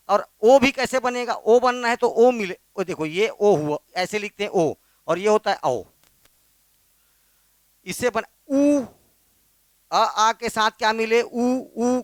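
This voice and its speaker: A man's voice: high voice, a bit bright, clean tone, dry recording. A male teacher with a Chhattisgarhi Hindi accent giving a classroom grammar lesson, drilling students by asking and repeating the answers. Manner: repetitive, drills students with questions.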